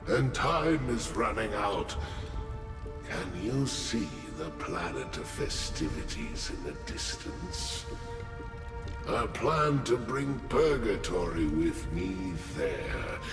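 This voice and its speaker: An actor playing a grim, fatalistic game villain obsessed with destruction, speaking with slow, theatrical menace in a gravelly voice. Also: male voice, low-pitched, full character voice. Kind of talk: dramatic video game voice acting. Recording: roomy echo under game music.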